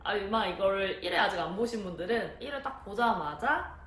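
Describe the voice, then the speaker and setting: A woman's voice: medium pitch, normal speed, slight background noise. A woman giving a casual spoken review of a series, laughing often and acting out the characters' lines. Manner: animated, laughs often, acts out quoted lines. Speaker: film reviewer. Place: room in a venue. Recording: roomy echo with faint ambience.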